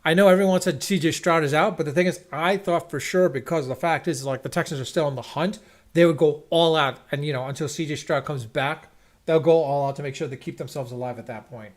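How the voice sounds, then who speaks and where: A man's voice: a little high, fairly quick. A man hosting a live stream, rambling casually about football with lots of restarts and strong opinions. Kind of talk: casual sports rant. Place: at home, checking scores on screen.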